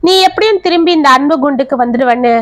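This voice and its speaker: A woman doing a calm, loving mother. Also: high-pitched, quick pace, no echo, close to an everyday voice. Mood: tender.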